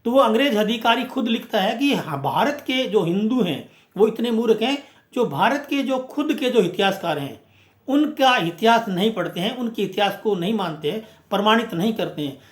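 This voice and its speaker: A man's voice: high-pitched, animated, moderate pace. A man giving an impassioned, emphatic speech as a movement speaker, full of rhetorical questions and repeated phrases. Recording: echoey room.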